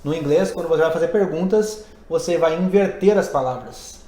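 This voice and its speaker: A man's voice: fairly high pitch, normal speed, warm tone. A man who teaches English and Portuguese, hosting a casual podcast and explaining ideas conversationally while thinking aloud. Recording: roomy echo.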